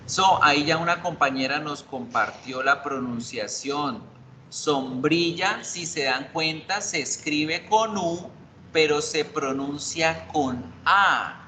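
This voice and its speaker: A man's voice: on the high side, slow pace, bright, forceful tone, a little hiss or hum, low-quality recording. A man teaching an online English class, patiently explaining pronunciation and repeating words.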